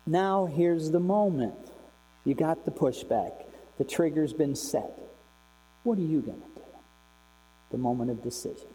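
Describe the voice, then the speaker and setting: High, dark-toned preacher in a reverberant hall. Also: male voice, a little slow, pauses often. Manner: conversational, rhetorical questions, swings between loud and hushed. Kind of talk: sermon. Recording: long reverb, faint mains hum.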